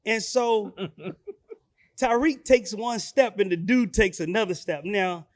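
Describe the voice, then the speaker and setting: A man, a father and podcast co-host, telling a story in casual chat with lots of laughter and animated delivery. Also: high voice, takes it slowly.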